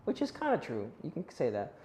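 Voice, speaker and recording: A man's voice: fairly high pitch, huge pitch swings, brisk, a little mellow. A man teaching a youth Bible class in a casual, conversational way, checking in with his listeners and unsure how to pronounce some Hebrew and Greek words. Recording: roomy echo.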